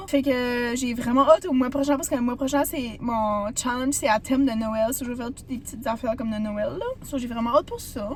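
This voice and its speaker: Fast, high hoarse Québécoise vlogger. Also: female voice, darkish tone, slight background noise. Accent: Quebec French. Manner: chatty, rambling, full of fillers. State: hoarse from a sore throat. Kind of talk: casual vlog chat.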